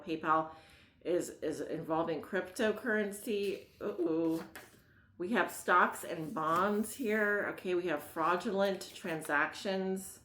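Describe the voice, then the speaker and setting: A woman's voice: lowish voice, fairly bright tone, echoey room. Rambling woman with a Maryland accent. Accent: Mid-Atlantic US, Maryland. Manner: rambling, self-laughing, many fillers. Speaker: tarot reader. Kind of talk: casual tarot reading monologue.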